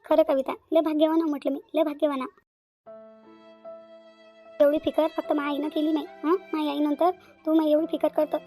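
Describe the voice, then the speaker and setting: A woman's voice: high voice, flat delivery, fairly quick, long pauses, mellow, faint music behind, close to an everyday voice. A woman voicing an affectionate elder sister-in-law in a cartoon, with a fond, coaxing manner. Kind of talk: cartoon voice acting.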